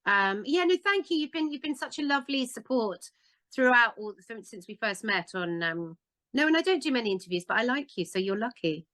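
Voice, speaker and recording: A woman's voice: on the high side, lively intonation, brisk, a bit bright, no room sound. Chatty English woman, dry sound. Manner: chatty, full of fillers and restarts. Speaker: guest actress. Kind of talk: casual interview chat.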